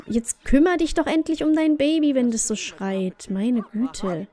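A woman's voice: sits high, unhurried, mellow. A woman hosting a let's play, chatting casually through her gameplay and talking directly to the game characters.

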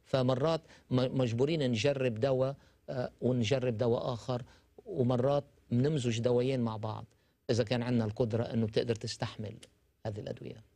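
Older male doctor, studio guest, explanatory, mid pitch, dry lapel sound. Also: fairly even intonation, fast, vocal fry, dark tone, dry recording. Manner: explanatory, gestures while talking, mixes in English terms. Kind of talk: medical talk show discussion.

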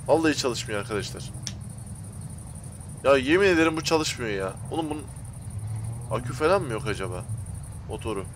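A man's voice: mid-range voice, expressive, a little fast, long pauses. Young guy gaming youtuber, slangy and fed up with the game, slight hiss behind him. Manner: exasperated, talks to viewers and the game, slangy. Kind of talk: gameplay commentary.

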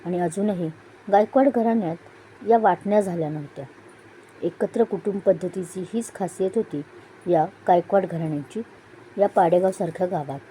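A woman tells a family drama as a steady, unhurried audio story. Her voice is dark and mellow, with a faint hiss in the background. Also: fairly low pitch, low-quality recording. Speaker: narrator.

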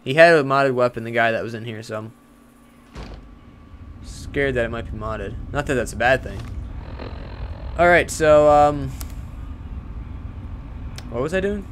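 A man giving casual let's-play commentary, chatty and easily spooked, who yells and swears when fights get tense. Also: mid-range voice, a little slow, pauses often, a little hiss or hum.

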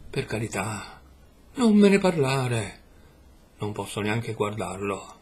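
A man reading the part of a troubled man haunted by his past, confessing in a pained, halting way. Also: fairly low pitch, sing-song, darkish tone, husky, pitched below the performer's own voice, exaggerated voice. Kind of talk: audiobook reading.

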